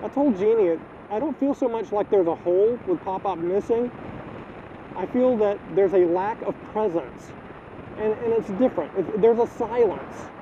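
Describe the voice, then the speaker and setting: A middle-aged man in a personal video diary, halting and repeating words, choked up with grief. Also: sits high, animated. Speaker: vlogger. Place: outdoors, filming the neighborhood. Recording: tinny phone-like audio, faint wind noise.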